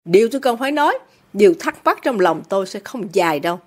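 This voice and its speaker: A woman's voice: mid-range voice, sing-song, fast, a little mellow. A woman reading a defiant proud young daughter. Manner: cold, defiant, bitter.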